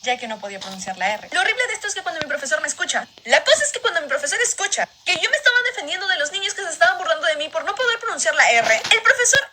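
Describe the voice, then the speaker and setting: A woman narrating a personal story in a fast, expressive, dramatic way. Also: extremely high pitch. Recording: background noise.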